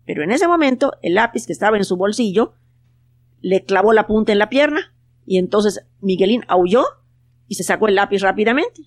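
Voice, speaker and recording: A storyteller reading a children's tale aloud in a calm, unhurried voice. The recording is dry and close, with no room around it. The pitch sits in an easy middle register. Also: no echo. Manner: calm, unhurried telling with plain quoted voices. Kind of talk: storybook narration.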